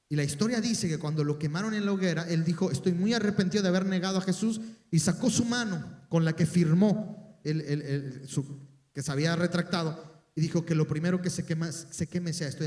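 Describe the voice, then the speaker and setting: A man's voice: high voice, darkish tone. A man preaching a sermon, talking conversationally to the congregation, repeating words and asking them questions. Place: church hall. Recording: echoey hall, mic at a distance.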